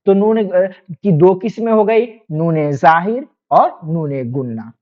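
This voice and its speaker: A woman with a fairly low, animated voice teaches an online exam-prep lesson, explaining patiently and repeating each point with quick questions to her students. The audio sounds dull.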